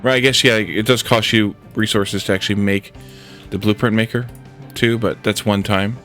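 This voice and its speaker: A man with a congested head cold mutters to himself while building in a game he's streaming, giving casual let's-play commentary as he thinks aloud. His lowish, fairly bright voice moves at a normal speed with fairly even intonation, over soft background music.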